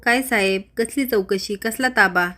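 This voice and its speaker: A scheming village woman turns flustered and quick when questioned, as a storyteller reads her part. She is nervous but sly in this serial recap. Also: medium pitch, sharp tone.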